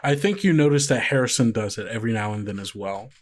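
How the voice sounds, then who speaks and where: Talking fast with lively intonation, a medium-pitched male game master improvises his narration of a tabletop roleplaying game in a relaxed, conversational way. Plucked guitar music can be heard behind his voice.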